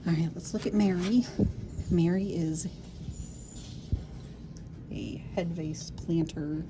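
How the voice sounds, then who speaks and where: Brief: woman reseller, lowish voice, unhurried, murmurs to finds in a busy shop. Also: background noise. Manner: excited whispering asides to items. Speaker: vintage reseller. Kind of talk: thrift store vlog narration. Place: thrift store aisles.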